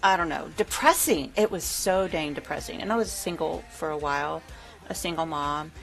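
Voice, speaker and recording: A woman's voice: low-pitched, moderate pace, vocal fry, a bit bright, faint music behind. A middle-aged woman, hosting a livestream in a chatty way and laughing easily. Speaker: livestream host. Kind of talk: casual chat.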